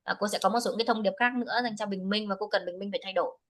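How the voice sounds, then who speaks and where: Giving speaking test feedback to a single student over video, a woman switches between English and Vietnamese and corrects firmly. She talks very fast at medium pitch with fairly even intonation, and the audio is rough.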